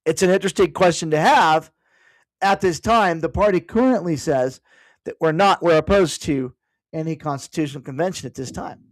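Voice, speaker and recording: Guy with a pretty high voice rambling through a political talk at home, lots of side notes. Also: moderate pace, no room sound, poor audio. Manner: digressive, with frequent "by the way" asides; thinks aloud while searching online. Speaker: political candidate hosting a learning session. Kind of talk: casual explanatory talk to an online audience.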